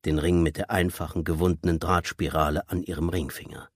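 A man narrating an audiobook in a measured, tense storytelling manner. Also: sits low, little pitch movement, husky, no room sound, clean studio sound. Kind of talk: scripted narration.

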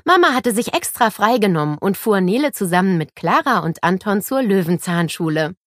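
A woman narrating a children's story in a lively, expressive way. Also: medium pitch, moderate pace, no room sound, clean studio sound. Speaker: audiobook narrator.

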